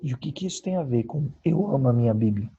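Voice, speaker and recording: In a muffled recording with a little hiss or hum, a man with a Brazilian Portuguese accent speaks fast and expressively at medium pitch with a warm tone. He's a youth devotional speaker giving an emphatic backyard Bible lesson, answering his own rhetorical questions.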